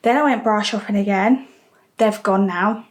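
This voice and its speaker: A young woman chats to her camera in a relaxed, candid vlog, sharing asides as she goes. She is noticeably out of breath, her voice sitting at an ordinary middle pitch. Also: normal speed. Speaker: vlogger. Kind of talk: casual chat to camera.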